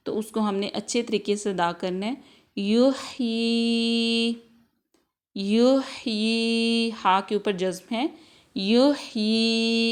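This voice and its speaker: Female tajweed teacher, Urdu accent, patient drill-style delivery, repeats sounds for students to follow. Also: mid-range voice. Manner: mixes Urdu with English words like next, practice, examples. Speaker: Quran recitation teacher. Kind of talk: tajweed lesson with repetition drills.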